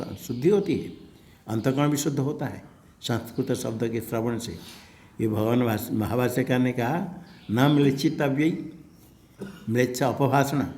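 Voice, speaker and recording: A man with a gravelly, creaky voice teaches a scripture class. He explains patiently and unhurriedly, dropping in a soft laugh now and then. His pitch sits in an ordinary middle range. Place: ashram classroom.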